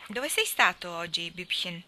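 Kindly older male professor, teasing and warm-hearted, voiced by a woman storyteller. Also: fairly low pitch, sing-song, unhurried, exaggerated voice. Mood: gently teasing. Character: kindly middle-aged male German professor.

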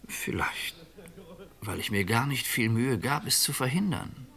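Playing a middle-aged man on the run in an old radio crime drama, the actor keeps his male voice at a medium pitch. His delivery is calm, resigned, measured and reflective.

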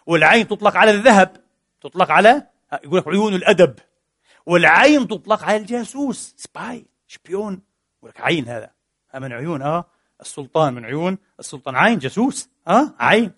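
A man's voice: high-pitched, fairly bright tone, no echo, studio quality. A man giving a philosophy lecture, asking questions and answering them himself, mixing formal with colloquial words. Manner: asks and answers his own questions.

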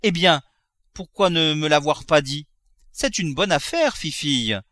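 A man voicing a miserly old vintner in his seventies, cajoling and cackling with excitement over gold, in a French audiobook reading. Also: on the high side, a little slow, no echo, studio quality, pitched above the performer's own voice. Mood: gloating. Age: 70s.

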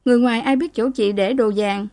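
A woman's voice: fairly high pitch, fairly even intonation, quick pace, mellow, voice pushed up, lightly acted. A woman voicing a young married woman who has been beaten, speaking in a raised, pleading, tearful way. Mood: aggrieved.

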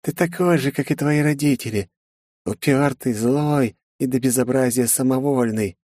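A man's voice: medium pitch, normal speed, mellow, no echo, studio quality, voice pushed up, lightly acted. A man voicing a cruel, mocking female villain in an audiobook, taunting and giggling between spiteful lines.

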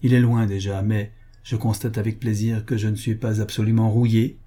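A man's voice: fairly low pitch, little pitch movement, normal speed, warm tone, lightly acted. A man reading a jovial young duke. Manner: jovial, confident speech. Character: bold, cheerful young duke.

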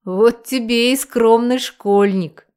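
A woman reading an audiobook, voicing a bossy, hysterical female friend who yells and teases. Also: takes it slowly, clean tone. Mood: teasing. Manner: shrill, yelling. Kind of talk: audiobook character voice.

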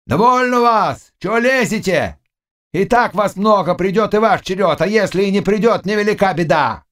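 A man's voice: animated, normal speed. A man putting on a bellowing old nobleman. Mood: scolding. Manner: shouting, high strained voice, crude curses.

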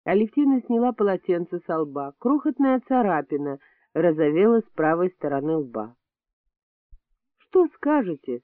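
A man narrating an audiobook in a measured, expressive reading. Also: high-pitched, dry recording. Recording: dry, tinny phone-like sound.

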